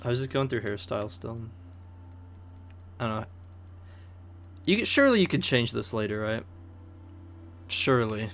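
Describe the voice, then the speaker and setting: A man's voice: mid-range voice, very animated, moderate pace, pauses often, fairly bright tone, a little hiss or hum. Laid-back male game streamer. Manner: laid-back, joking, chats with viewers. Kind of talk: casual gameplay commentary.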